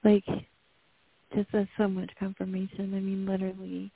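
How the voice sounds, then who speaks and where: Flat, gravelly woman calling into a radio show. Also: mid-range voice, normal speed. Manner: earnest, softly praising God. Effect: phone line into a radio show. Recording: tinny dry phone line.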